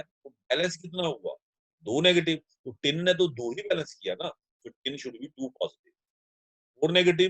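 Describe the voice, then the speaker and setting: Male chemistry teacher, slightly high voice, dry close mic, explains step by step and answers his own questions. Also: no room sound, poor audio. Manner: addresses students as children. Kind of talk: classroom lecture mixing Hindi and English.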